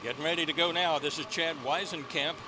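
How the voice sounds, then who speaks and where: A man's voice: fairly high pitch, fairly even intonation, a little fast, background noise. A man hosting televised tractor pull coverage as an announcer, introducing pullers in a broadcast commentary style. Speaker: host and play-by-play announcer.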